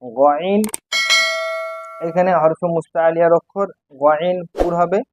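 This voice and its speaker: A man with a slightly high voice gives a patient recitation lesson, spelling letters slowly and repeating syllables. The sound is dry and a bit dull, like a lo-fi recording. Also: a little mellow, no echo. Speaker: Quran recitation teacher.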